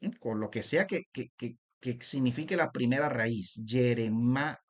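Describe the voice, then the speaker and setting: A man giving a video Bible lesson, speaking straight to the listener as "brother" with many restarts and tag questions, and slowly drawing out ancient names. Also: medium pitch. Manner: repetitive, addresses listener as "usted" and "hermano"; stretches out transliterated names slowly. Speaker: Bible teacher.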